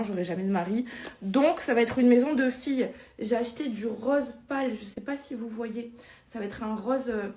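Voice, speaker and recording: A woman's voice: a little high, a little mellow, a little hiss or hum. Chatty woman vlogging from her house. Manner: chatty, talks viewers through home plans. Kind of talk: casual vlog chat at home.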